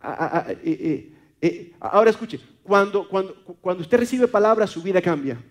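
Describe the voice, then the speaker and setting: High-voiced Venezuelan preacher man. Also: animated, moderate pace. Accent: Venezuelan, Maracaibo. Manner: repeats words and stammers fillers, calls listeners brother. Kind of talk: sermon.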